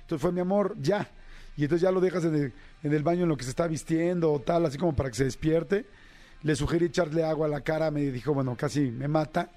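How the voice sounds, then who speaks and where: A man's voice: fairly high pitch, fast, warm tone. A man, a radio host telling a personal story in a chatty way with many fillers. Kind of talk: casual storytelling monologue.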